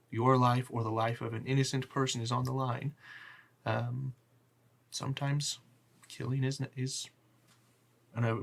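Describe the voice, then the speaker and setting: Playing a devout figure, a man preaches earnestly about the gods and the need to be spiritually prepared, sermonizing in a measured way. His voice is medium-pitched and creaky.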